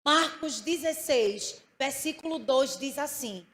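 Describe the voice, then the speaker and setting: A woman pastor, preaching a sermon and telling a personal story with lively acted-out dialogue. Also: high voice, slow pace. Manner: storytelling, animated, acts out dialogue.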